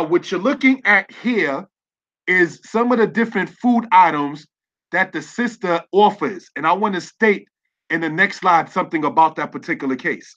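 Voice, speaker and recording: The dull lo-fi recording captures a man teaching religion in a slide-based online lesson. His voice is high-pitched, bright and forceful, and he spells words letter by letter, pausing to check in with "all right?"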